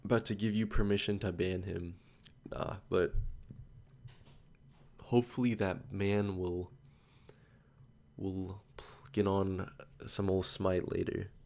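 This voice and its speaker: A man's voice: deep voice, level tone, slow, pauses often, a little mellow. A man in his twenties chatting loosely on a study livestream, full of filler "like"s as he drifts between stories. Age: 20s. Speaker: study streamer. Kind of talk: casual rambling chat on a livestream.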